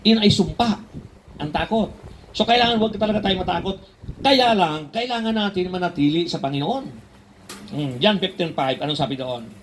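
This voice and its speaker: A man preaching a sermon to his congregation, lively and full of questions to the room, switching into English when he quotes Bible verses. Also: sits high, normal speed, slight background noise, low-quality recording. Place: church service in a hall.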